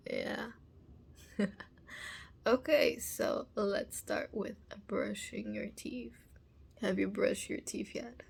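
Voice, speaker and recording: A young woman voicing a bossy, teasing female roommate in a whispered role-play, speaking softly close to the mic. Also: mid-range voice, fairly even intonation, slow pace, gravelly, long pauses, slightly rough, heavily acted. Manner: teasing, commanding, soft whispering. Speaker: ASMR performer.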